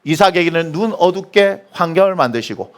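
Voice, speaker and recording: A male pastor delivers a sermon in a church sanctuary. His voice sits high and swings widely in pitch. He keeps quizzing the congregation and then answering his own questions. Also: a little fast. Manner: animated, asks the congregation questions and answers them.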